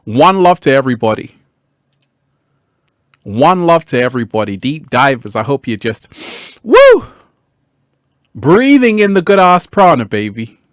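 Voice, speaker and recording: A man's voice: medium pitch, very animated, measured pace, pauses often, no room sound, clean studio sound. A man hosting a live stream, chatting with viewers and reading their comments in a laid-back way, laughing often and repeating his phrases. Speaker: livestream host.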